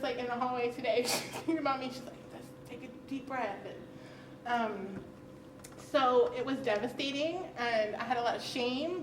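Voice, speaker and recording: A woman speaking frankly and conversationally on a conference panel, often laughing as she talks. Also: high-pitched. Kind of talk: candid personal talk at a roundtable. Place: conference session room. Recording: roomy, distant, faint hiss.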